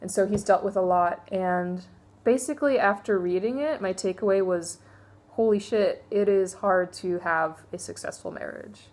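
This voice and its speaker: A young woman talks through a stack of books in a loose, candid way. Her pitch sits at an average height for a woman, and she fills her talk with "like" and "um" and frank side remarks. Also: normal speed, a little mellow. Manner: chatty, candid, many fillers and asides. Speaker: book reviewer. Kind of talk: casual book review vlog.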